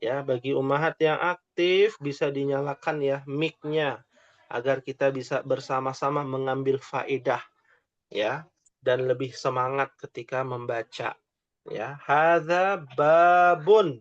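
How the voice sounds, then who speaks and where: A man teaching an online language class, slowly and patiently modelling phrases for his students to repeat. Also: medium pitch, flat delivery, no echo. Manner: slow, patient, drawn-out modelling of Arabic phrases. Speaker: Arabic teacher. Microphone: online call microphone. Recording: dull lo-fi online audio.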